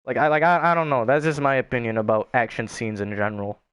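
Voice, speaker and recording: A man's voice: medium pitch, quick pace, a bit bright, clean tone, no echo. A young man chatting casually on a gaming stream, rambling and swearing with lots of filler words.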